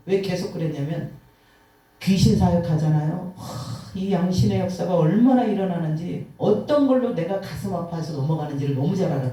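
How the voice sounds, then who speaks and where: A woman preacher giving an emotional testimony sermon, telling stories vividly with sighs and acted-out quotes. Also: lowish voice. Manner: animated storytelling, acting out quotes, sighing. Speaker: guest preacher. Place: church sanctuary. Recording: echoey hall from far off.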